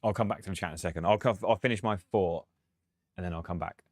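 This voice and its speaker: A man's voice: low voice, fast, a little mellow, no room sound, studio quality. A man and music producer, talking through a track on a live stream, chatty and thinking aloud with frequent laughs.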